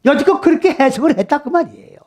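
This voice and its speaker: Pastor, male, middle-aged, very high-pitched voice, emphatic sermon delivery with rhetorical questions. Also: animated, fast talker, darkish tone. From South Korea. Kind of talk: expository sermon.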